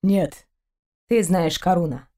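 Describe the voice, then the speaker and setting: A woman's voice: lowish voice, slow, warm tone, voice pushed down. A woman voicing a curt, unsentimental male starship captain in an audiobook, talking in a blunt, dismissive way.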